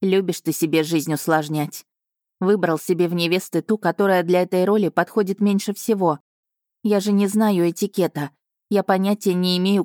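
A woman voicing a sharp-tongued young heroine who teases and mocks her dragon fiancé. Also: on the low side, dry recording, studio quality, voice pushed up, lightly acted. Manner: teasing, sarcastic, indignant. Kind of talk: audiobook character voice.

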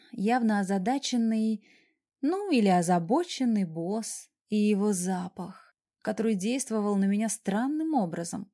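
A woman narrates a first-person audiobook in a wry, expressive manner. Her voice sits in a middle pitch. Her tone is mellow and darkish.

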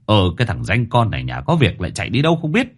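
Man doing a nervous stammering dad, husky, voice jumps around, audio story. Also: on the low side, huge pitch swings, racing, exaggerated voice. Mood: grumbling. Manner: stammering, tearful pleading. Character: middle-aged grieving father, anxious.

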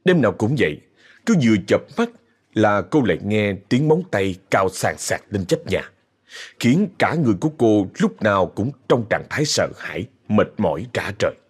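A man narrating a ghost story in a dramatic, expressive way. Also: fairly low pitch, normal speed, husky.

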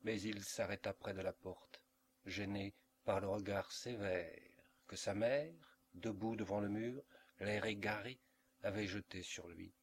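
A man reading a literary story aloud as an audiobook narrator, in a measured, expressive way. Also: fairly low pitch, slight background noise. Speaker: audiobook reader. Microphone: home recording for an audiobook.

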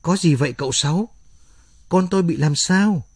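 A man's voice: a little high, moderate pace, a little mellow, no echo, clean studio sound, pitched above the performer's own voice, natural voice. A man voicing a young, frantic new mother who pleads and sobs as he reads a storybook aloud. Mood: panicked. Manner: pleading, tearful.

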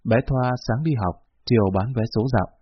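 A man narrating a story in a steady, matter-of-fact reading style. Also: mid-range voice, brisk, slight background noise. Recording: dull lo-fi recording.

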